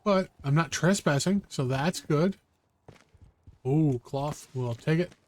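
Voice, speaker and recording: A man's voice: a little high, slow. A man streaming a video game, chatting casually and making wry remarks as he explores. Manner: chatty, wry, thinks aloud. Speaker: gaming streamer. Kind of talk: casual let's-play commentary.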